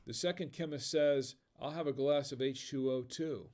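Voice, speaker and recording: A man's voice: medium pitch, fairly even intonation, moderate pace, darkish tone. American man laughing at his own dad jokes. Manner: reads chat comments aloud. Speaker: livestream host. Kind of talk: casual live-stream chat.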